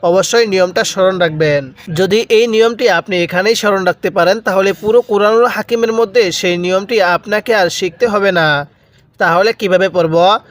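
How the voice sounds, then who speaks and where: High-voiced man teaching Quran recitation. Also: fairly bright tone. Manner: drawn-out slow chanting of Arabic words between quick explanations; repeats words for the viewer to copy. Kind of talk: step-by-step recitation lesson.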